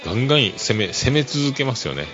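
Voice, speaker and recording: A man's voice: medium pitch, sing-song, brisk. A man hosting a casual solo podcast, easygoing and chuckling, full of fillers. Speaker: podcast host. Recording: dull lo-fi recording. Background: music playing underneath.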